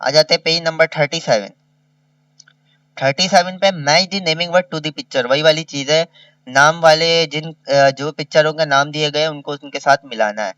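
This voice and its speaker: A man's voice: fairly high pitch, fairly bright tone, smooth, no echo, far from the mic, muffled recording. A man teaching a kindergarten revision lesson. He spells each word letter by letter and repeats it. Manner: slow, spells words letter by letter and repeats them.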